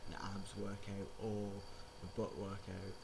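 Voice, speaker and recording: Low-voiced man chatting over background noise. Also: completely flat delivery, a little slow, gravelly. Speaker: vlogger. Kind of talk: casual chat, personal update vlog.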